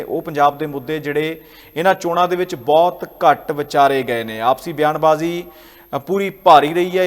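A man presenting news commentary as an anchor, in a measured, explanatory way. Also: a little high, in a large hall.

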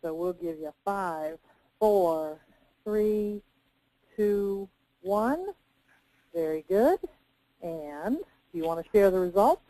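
A woman's voice: fairly low pitch, lively intonation, slow, long pauses, mellow, rough recording. Playful woman co-hosting a webinar. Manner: playful, teasing. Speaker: webinar co-host. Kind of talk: webinar moderation.

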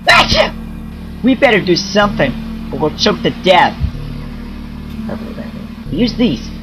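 A man's voice: high voice, big pitch swings, slow, music in the background, pitched above the performer's own voice, heavily acted, low-quality recording. A man voicing mischievous young cartoon duck nephews, giggly and teasing. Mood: alarmed. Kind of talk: fan-made cartoon voice dub.

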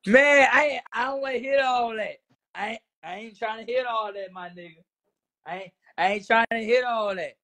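A man in rowdy live-stream banter, loud, profane and swaggering. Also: high-pitched, moderate pace.

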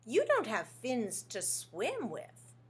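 A woman's voice: a little high, huge pitch swings, slow, breathy edge, full character voice. A woman voicing a small, lost young male fish who speaks politely and earnestly.

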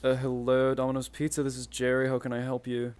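A man's voice: mid-range voice, monotone, quick pace, a little mellow, smooth, dry recording, close to an everyday voice. A man switching impression voices, playing a bewildered, hesitant pizza shop worker on a call in a comedy sketch. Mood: routine.

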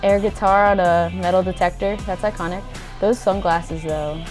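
A woman's voice: fairly low pitch, steady tone, normal speed, music in the background. Hungover young woman, tired casual chat. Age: 20s. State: hungover, exhausted, with a headache. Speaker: reaction video host. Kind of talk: casual chat reacting to a music video. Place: small indoor room at home.

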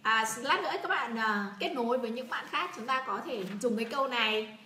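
A woman's voice: a little high, brisk, sharp tone, echoey room, a little hiss or hum. A woman from Vietnam teaching an English pronunciation lesson, repeating words and prompting her learners to say them aloud.

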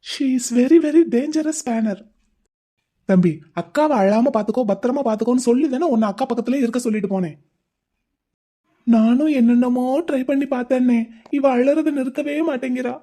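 A woman's voice: high-pitched, normal speed, mellow. A woman voicing a caring, playful young man in a cartoon, coaxing and teasing his crying older sister in a chatty way. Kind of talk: Tamil cartoon voice acting.

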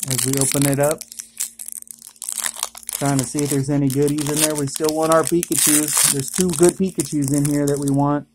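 A vlogger chatting casually indoors while opening trading card packs, with excited exclamations at each good pull. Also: medium pitch, normal speed, noisy background. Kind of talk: casual unboxing commentary. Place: indoors at home.

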